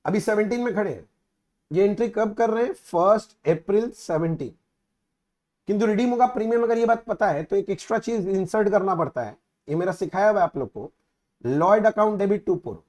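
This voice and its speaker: Man, high voice, accounting teacher, casual lecture, Hindi-English mix, frequent check-in questions. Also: expressive, a little fast, a little mellow. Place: recorded teaching video.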